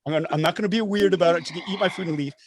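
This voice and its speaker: A man from Canada telling an animated anecdote on a discussion panel. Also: sits high, racing, heavy background noise. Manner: animated storyteller. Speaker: panelist, actor.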